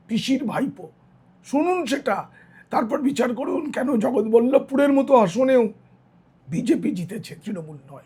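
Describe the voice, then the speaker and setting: Hoarse, high-pitched male commentator. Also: a little mellow. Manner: earnest, direct address to viewers. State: hoarse, tired voice. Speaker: journalist and commentator. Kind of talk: political news commentary.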